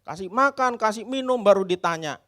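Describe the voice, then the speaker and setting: A male pastor from Indonesia preaching a sermon in an animated, dramatic way, repeatedly addressing the congregation. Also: high voice, brisk.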